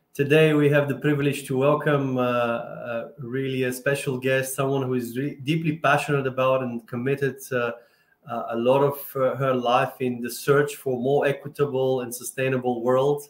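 A man's voice: medium pitch, steady tone, normal speed. A man hosting a podcast interview, speaking hesitantly with many restarts. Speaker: podcast host. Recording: echoey room.

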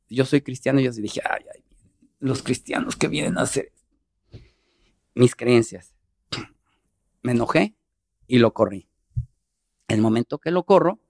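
A middle-aged man, a podcast guest telling an emotional personal story earnestly, in fast bursts. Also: medium pitch, a little mellow.

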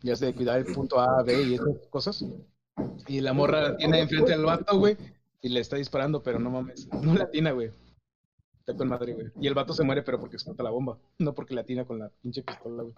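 A man's voice: mid-range voice, fairly quick, crowd noise. A man with a Mexican accent chatting casually in crude, joking slang, recorded on a dull lo-fi mic. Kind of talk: casual chat.

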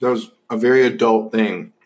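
A young man hosts a relaxed podcast, chatting over food. His talk is loose and filled with fillers and quick laughs. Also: lowish voice. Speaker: podcast host. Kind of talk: casual chat while eating.

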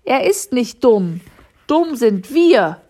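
A woman's voice: fairly high pitch, very animated, unhurried, pushed and bright, voice pushed up, exaggerated voice. A woman voicing an earnest young schoolboy in a children's storybook reading. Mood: indignant.

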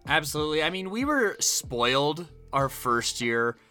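A man's voice: a little high, big pitch swings, normal speed, sharp tone, faint music behind. An American man giving casual sports analysis as a co-host, talking discursively and piling up points.

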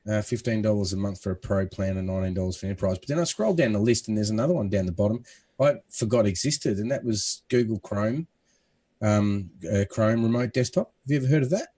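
A man chatting casually as a tech show contributor, explaining software. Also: lowish voice, fast.

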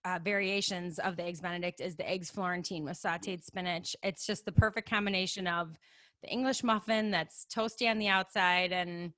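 Guesting on a casual conversational interview, a middle-aged makeup artist from the Chicago area, USA, speaks with a Chicago accent and laughs readily at herself. Her lowish voice is steady at normal speed, with a bright, forceful tone, captured in a dry recording.

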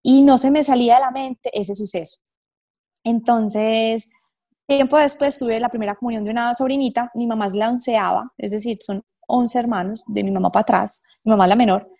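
Speaking as a guest, a wellness therapist who is also a mother tells her personal story in a slightly high, dark voice. Her intonation stays fairly even, and her earnest delivery is marked by frequent fillers and slowed pauses.

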